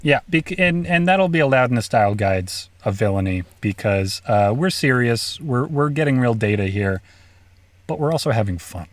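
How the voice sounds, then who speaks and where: A man's voice: mid-range voice, expressive, normal speed, no echo. A man chatting casually on a podcast, his jokes delivered with a straight, mock-serious face. His voice sits in a middling register. The sound is dry and close, with no room around it. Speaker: podcast co-host. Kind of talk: casual chat.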